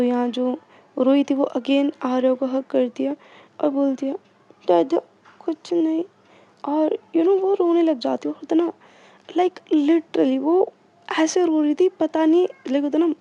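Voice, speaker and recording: A woman with a high but mellow voice narrates a love story in a loose, chatty way, pausing often on fillers. The recording is dull and a little muffled.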